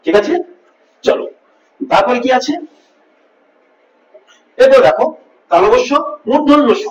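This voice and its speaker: A man teaching grammar in a classroom style, repeating sample words slowly and quizzing his listeners. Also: very high voice, expressive, far from the mic. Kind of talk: classroom-style lesson with board writing. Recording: echoey room miked from afar, faint hiss.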